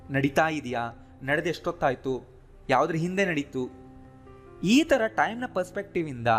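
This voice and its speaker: A man with a fairly high voice teaches a lesson, explaining each point step by step and often checking in with the listener. He slows down to drill word lists clearly, one word at a time. Faint music plays under his voice. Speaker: English teacher. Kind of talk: spoken English lesson.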